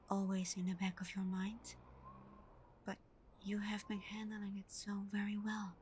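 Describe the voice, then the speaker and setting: In an intimate ASMR roleplay, a woman plays a tender, devoted vampire girlfriend, speaking softly and breathily, often whispering in a gentle, reassuring, soothing way. Her voice sits in the mid range, lightly acted, with a little hiss or hum in the background.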